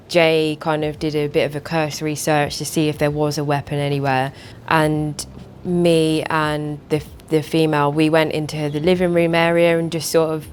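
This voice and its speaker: A woman's voice: low-pitched, a little hiss or hum. A female police officer in a documentary interview, recounting a call casually and hedging her words often.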